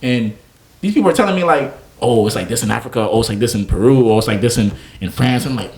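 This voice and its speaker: Animated young man telling stories. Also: medium pitch, fast talker. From Naples, Florida. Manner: animated storyteller, acts out quoted voices. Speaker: guest chef and food truck owner. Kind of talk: casual interview chat.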